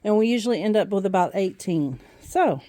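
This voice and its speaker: A woman's voice: medium pitch, expressive, brisk, mellow, no room sound. A woman talking to her viewers and animals while doing outdoor farm chores on a handheld phone, with sing-song calls to her animals and a bit out of breath. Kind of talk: casual vlog narration while feeding animals. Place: outdoors on a small farm with goats, pigs and chickens.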